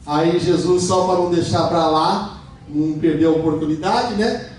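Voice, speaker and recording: A man preaching a sermon as pastor, animated and jokey, acting out the dialogue in a raised voice. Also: fairly high pitch, normal speed, slight background noise. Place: large church hall. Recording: echoey church hall, mic at a distance.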